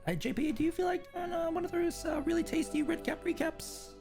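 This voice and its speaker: A man's voice: extremely high pitch, fairly quick, creaky. A man who runs a tabletop game stream, chatting in an upbeat and teasing way. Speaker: game master. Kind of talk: casual chat on a stream. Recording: music under the voice.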